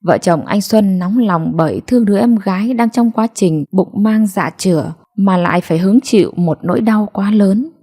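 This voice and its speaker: A woman storyteller giving slow, sorrowful audiobook narration. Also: medium pitch, warm tone, breathy edge.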